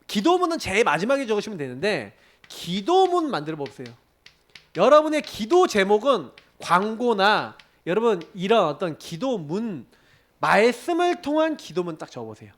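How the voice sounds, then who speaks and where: A man preaching a sermon as pastor, telling stories and acting out prayers and complaints in quoted voices. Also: high-pitched. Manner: animated storytelling preacher, acts out quoted prayers and arguments.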